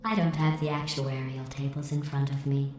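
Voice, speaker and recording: A cold female AI in a video game, her low, synthetic voice run through a robotic filter. She speaks with flat, polite menace and bone-dry sarcasm. The sound is echoey, with faint game ambience underneath. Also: moderate pace, a little hiss or hum. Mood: deadpan sarcastic. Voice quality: smooth synthetic monotone. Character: cold sarcastic female AI computer, passive-aggressive.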